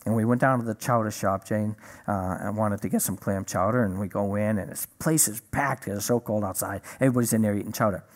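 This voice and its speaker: A man preaching a sermon, telling a personal story in a lively way and acting out the conversations in it. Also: fairly low pitch, fairly quick, hardly any pauses. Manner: animated storyteller, acts out dialogue.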